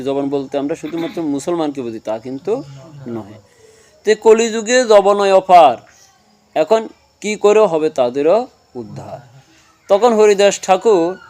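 In a voice that sits slightly high and sounds somewhat mellow, a male religious speaker delivers a devotional talk. He poses questions to his listeners, answers them himself, and explains his points with everyday examples.

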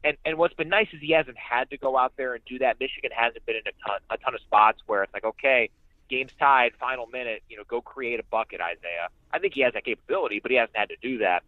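As a radio guest, a man talks sports in a conversational, emphatic manner, leaning on repeated phrases. He speaks quickly in a mid-range voice without echo, over muffled, band-limited audio that resembles a phone line.

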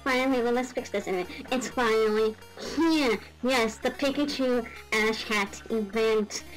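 A woman hosting a casual gaming vlog, excitable, giggly and rambling. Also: on the high side, unhurried, soft background music, poor audio. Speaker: gaming video host.

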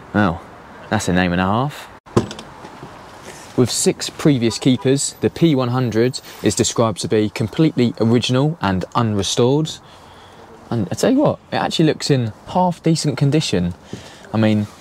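A man's voice: mid-range voice, darkish tone, a little hiss or hum. A young man giving a chatty, easygoing walkaround of cars on an action camera outdoors in the rain. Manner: chatty, easygoing, quick laughs. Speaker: car vlogger. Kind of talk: casual walkaround commentary. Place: outdoor car auction yard in rain.

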